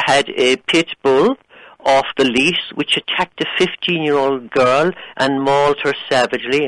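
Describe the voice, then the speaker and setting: A man's voice: on the high side, a bit bright, no echo, poor audio. An Irish man arguing on a radio phone-in in an opinionated, emphatic, condescending way. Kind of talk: heated phone-in debate.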